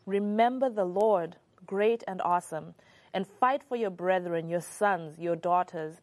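Woman reading scripture, lowish and dry. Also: a little slow, no echo. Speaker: scripture reader.

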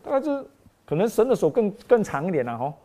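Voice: mid-range voice, very animated, quick pace, dark tone. A preacher telling a storytelling sermon, acting out scenes with exclamations and sound effects and asking the congregation rhetorical questions.

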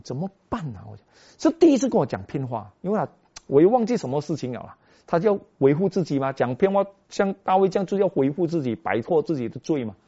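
A man preaching a sermon as a pastor, telling a story with animated delivery that swings between soft and loud. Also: a little high, husky. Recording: dull lo-fi recording.

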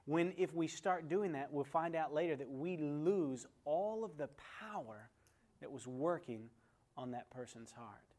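Man, evangelist preacher, fairly high voice, emphatic, repeats for effect, teaching tone. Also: darkish tone. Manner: emphatic storytelling with repetition. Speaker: evangelist pastor. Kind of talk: sermon-style teaching lesson.

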